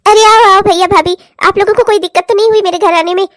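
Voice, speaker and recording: A woman's voice: extremely high pitch, fairly even intonation, quick pace. A woman voicing a bossy, nagging middle-aged mother-in-law in a cartoon, scolding and showing off. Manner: scolding, boastful.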